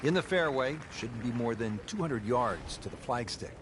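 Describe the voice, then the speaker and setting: A man working as lead golf commentator, calling play in a measured broadcast delivery with folksy turns of phrase. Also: mid-range voice, lively intonation, background noise, lightly acted.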